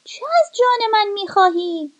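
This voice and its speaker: A woman voicing a hungry, sly male wolf in a storybook reading, high and insistent. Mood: demanding.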